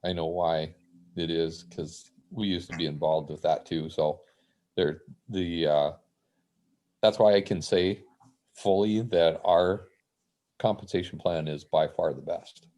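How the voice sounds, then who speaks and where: A man on a casual team call, explaining things in a calm, matter-of-fact way. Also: low voice, a little slow.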